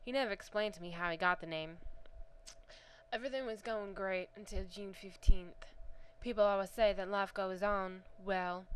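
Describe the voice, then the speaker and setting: A woman's voice: mid-range voice, steady tone, normal speed, slight background noise, lightly acted, low-quality recording. A woman voicing a grieving young woman from the American South, reading a first-person story in a Southern accent with a reflective, earnest manner. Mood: wistful.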